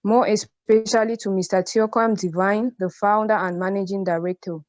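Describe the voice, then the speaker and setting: A woman's voice: mid-range voice, steady tone, moderate pace, a little mellow, dry recording. A young woman from Cameroon presenting formally from a prepared text. The sound is dry and lo-fi, with a dull call-line quality. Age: young adult. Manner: formal, read-out delivery. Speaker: NGO program manager. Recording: dry lo-fi video call audio.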